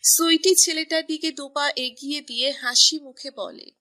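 A woman reads a romance story at normal speed in a high, bright voice. Her storytelling is even, and the delivery comes across crisp and scripted.

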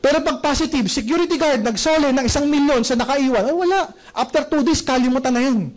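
A man with a very high-pitched voice gives a motivational talk at a network marketing event. He keeps quizzing the audience with rhetorical questions. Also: fast talker.

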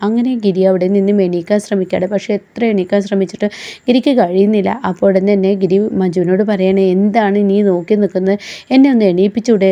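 Dark-voiced woman recapping a serial. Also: medium pitch. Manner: retells the plot step by step, quoting characters' lines in her own voice. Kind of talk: casual retelling of a TV serial episode. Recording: slightly dull lo-fi recording.

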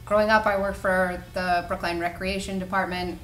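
A woman's voice: on the low side, flat delivery, normal speed, far from the mic, soft background music. Woman speaking evenly, roomy sound. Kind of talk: interview testimonial.

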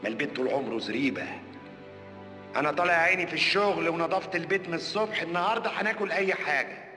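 A man's voice: fairly high pitch, rapid-fire, sharp tone, long reverb tail, faint music behind. An actor playing a weary, newly single man with an Egyptian accent, muttering sarcastic grumbles. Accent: Egyptian Arabic. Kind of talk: TV comedy series acting.

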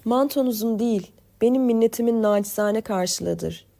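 A woman's voice: on the high side, normal speed, gravelly, dark tone. A woman voicing a grieving man who speaks formally and courteously in an audiobook story. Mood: solemn. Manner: formal, solemn.

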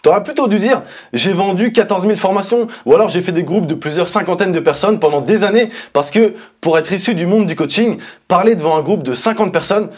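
A higher-pitched man in his thirties picks apart an advert with blunt sarcasm and casual slang. His voice has a husky edge, and he talks into a clip-on mic in a small dark studio. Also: fairly quick. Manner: mocking, blunt, informal. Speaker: marketing commentator. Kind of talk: sarcastic ad critique. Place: indoor studio, dark backdrop. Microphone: lapel mic.

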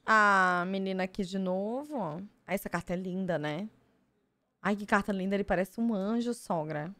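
A woman's voice: medium pitch, normal speed, no room sound. A young woman streamer with a Brazilian Portuguese accent, chatting casually while opening cards and gushing over the art. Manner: gushing, easily excited exclamations. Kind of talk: casual card-opening chat.

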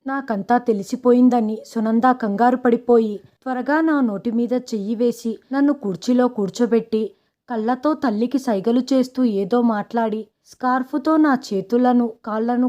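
A woman reading a first-person story aloud in a steady, dramatic way. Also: a little high, moderate pace. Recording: dull lo-fi audio.

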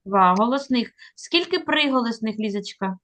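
A woman's voice: a little high, animated, fairly bright tone. Patient teacher woman on a video call. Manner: patient, encouraging, slow coaxing prompts. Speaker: literacy teacher. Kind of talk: online reading lesson with a child.

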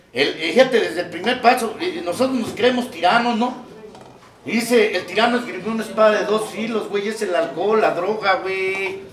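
A man with a Mexican accent gives a profane testimony at a recovery meeting, swinging from low confiding talk to shouting. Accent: Mexican Spanish. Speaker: recovery group speaker. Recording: echoey room, far from the mic.

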